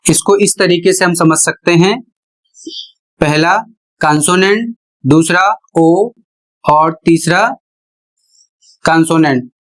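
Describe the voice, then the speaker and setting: Male teacher, unhurried pace, patient step-by-step explainer who draws out each key sound. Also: sits high, rough recording. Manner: deliberate, repeats phrases, stretches key sounds. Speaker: English pronunciation teacher. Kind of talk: slow explanatory lesson.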